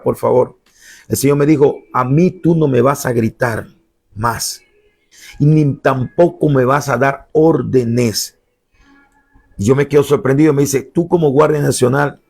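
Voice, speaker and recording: A man's voice: vocal fry, breathy edge. A man preaching a sermon, impassioned, acting out the voices he quotes. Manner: impassioned, acts out quoted voices, pitch jumps high when shouting.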